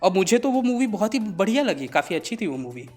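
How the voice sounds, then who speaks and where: A young man telling a comic story to camera, animated and mock-dramatic. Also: high voice, fast talker, faint music behind. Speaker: comedy video creator.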